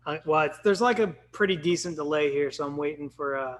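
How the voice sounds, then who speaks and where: A man's voice: on the high side, fairly quick. A man in his thirties hosting a casual live podcast, upbeat and chatty with lots of ums. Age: 30s. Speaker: podcast host.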